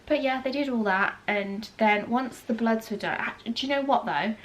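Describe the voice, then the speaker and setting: Speaking to camera with a stuffy, cold-ridden voice, a thirtysomething British vlogger tells a story in a relaxed way, full of ums and side remarks. Her pitch sits on the high side and her pace is moderate.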